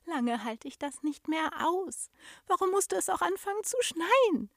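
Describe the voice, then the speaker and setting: A woman voicing a timid, sweet young elf girl who speaks high and stammers when startled. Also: lively intonation, measured pace, fairly bright tone, no echo, clean studio sound, full character voice. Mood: frustrated.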